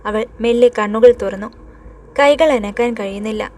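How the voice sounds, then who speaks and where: A woman storyteller narrating a horror tale at an even read-aloud pace. Her voice sits somewhat high. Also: moderate pace, poor audio.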